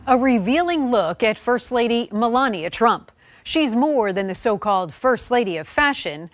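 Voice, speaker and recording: A woman hosting a news documentary in measured, dramatic scripted narration. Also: on the high side, fairly bright tone, dry recording. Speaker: documentary host. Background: music.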